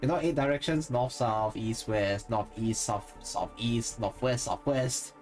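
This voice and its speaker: A streamer and content creator with a Singaporean English accent chats casually with viewers on a live stream, rambling, thinking aloud and correcting himself mid-sentence. His medium-pitched voice is unhurried and a little mellow, with faint music behind him.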